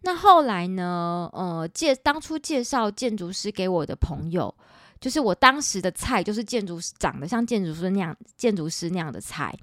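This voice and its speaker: Taiwanese-accented woman podcast host, 40s, lively storyteller, dry close recording. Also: lowish voice, normal speed, no echo. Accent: Taiwanese Mandarin. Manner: animated, chatty, dramatic retelling with quoted dialogue.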